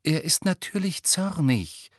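A man's voice: fairly high pitch, expressive, unhurried, no echo, pitched above the performer's own voice. A man voicing a clever teenage schoolgirl who speaks coldly and in clipped, scornful tones, recorded dry and close. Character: sharp clever teenage schoolgirl, cool and firm.

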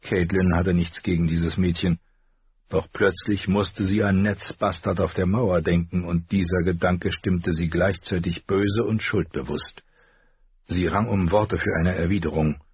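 Guy reading an audiobook, husky lowish voice, steady, dry dull-ish audio. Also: unhurried. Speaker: audiobook narrator. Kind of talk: scripted narration.

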